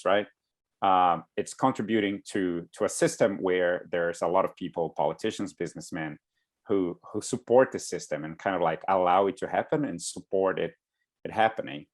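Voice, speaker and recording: A man from Brazil with a very deep voice presents to an online class over a video call. He speaks hesitantly, with many fillers and restarts. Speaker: guest speaker. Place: home in Brooklyn.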